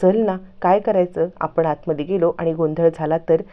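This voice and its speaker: A woman's voice: on the low side, fairly even intonation, moderate pace, narrow, tinny audio, lightly acted. A woman voicing a nervous young man who keeps asking anxious questions.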